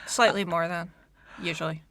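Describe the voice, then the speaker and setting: Bright-voiced woman with wry asides. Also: lowish voice, fairly even intonation, normal speed, no room sound, studio quality. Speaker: podcast co-host. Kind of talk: casual book discussion.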